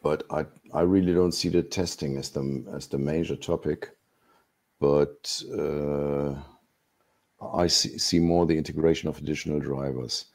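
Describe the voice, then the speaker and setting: A man with a very low, dark voice talks on a video call. He speaks haltingly, restarting and repeating words as he thinks, with a somewhat husky tone. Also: fairly even intonation. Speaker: community board member. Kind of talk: casual meeting discussion.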